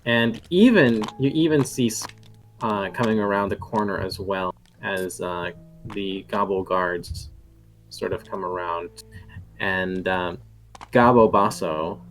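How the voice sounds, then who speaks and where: Male game master, slow, rambling narration full of fillers. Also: low-pitched. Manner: rambling, many fillers and restarts.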